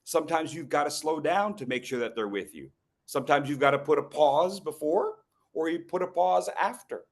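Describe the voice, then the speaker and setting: A middle-aged man giving a humorous talk on storytelling to a live group, teasing people in the room and slowing down with pauses for emphasis. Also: a little high, gravelly. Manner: playful, teasing the audience, quick asides. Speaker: educational speaker at a club meeting.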